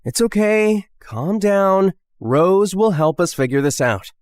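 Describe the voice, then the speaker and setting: A woman voicing an earnest teenage boy, the protective peacemaker of a story drama. The pitch moves in wide swings as he placates and pleads, and the sound is dry. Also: animated, slow, darkish tone, no echo. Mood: soothing.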